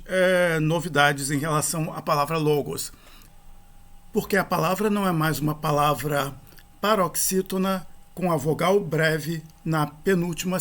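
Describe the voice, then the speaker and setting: Guy teaching a grammar class, kinda high voice, goes through every ending slowly. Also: fairly bright tone. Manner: methodical, spells out endings and accent rules. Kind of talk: recorded grammar lesson.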